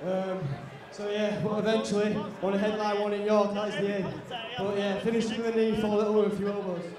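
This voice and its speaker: A man's voice: sits high, level tone, a little fast. A young man, an MMA fighter giving a casual post-fight interview. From Yorkshire, England. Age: young adult. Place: large indoor cage-fight venue. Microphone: handheld. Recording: echoey hall PA, distant, noisy crowd.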